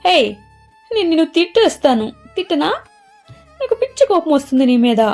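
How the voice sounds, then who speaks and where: A woman's voice: sits high, animated, brisk, mellow, faint music behind, pitched above the performer's own voice. A woman voicing a sulky, pouting young woman in love who scolds and pleads.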